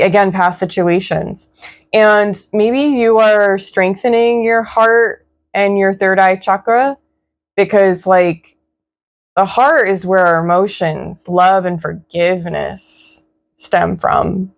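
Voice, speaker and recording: A young woman giving a casual tarot reading in a reflective, encouraging way. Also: mid-range voice. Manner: slow, reflective, spiritual, encouraging. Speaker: tarot reader.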